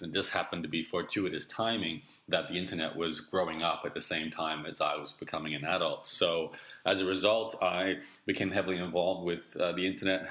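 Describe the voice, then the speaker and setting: A man in his thirties, from Australia, plainly explaining his online business while recording answers without his usual microphone, so the stream sounds low in quality. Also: fairly bright tone, roomy sound. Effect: low quality stream audio without his usual microphone. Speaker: online entrepreneur answering interview questions. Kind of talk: solo recorded answers to written interview questions. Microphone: makeshift microphone in place of his usual one.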